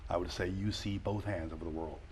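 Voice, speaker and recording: Male host, low voice, halting, filler-heavy, faint hiss. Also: steady tone, darkish tone. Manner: halting, many fillers and restarts. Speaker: talk show host. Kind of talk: casual interview.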